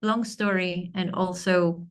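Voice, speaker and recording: A woman from Argentina, a podcast guest, talking thoughtfully and searching for words with many pauses. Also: lowish voice, steady tone. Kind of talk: reflective conversation.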